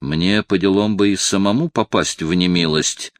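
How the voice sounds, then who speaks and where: Imperious aging cardinal with a temper, voiced by a male audiobook reader; low, dry, loud indignant flares. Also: normal speed, no room sound, lightly acted. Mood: fretful. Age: 50s. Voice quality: flaring into loud indignant outbursts. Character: imperious aging cardinal, proud, quick to anger. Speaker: audiobook reader voicing a character. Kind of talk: audiobook character reading.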